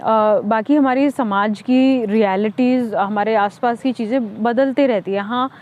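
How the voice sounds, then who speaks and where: A woman from India, talking reflectively as a podcast co-host, pausing often on "uh" and mixing in English words. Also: on the high side. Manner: reflective, many "अ" fillers, mixes English words. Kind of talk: conversational podcast talk. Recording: slightly dull lo-fi audio.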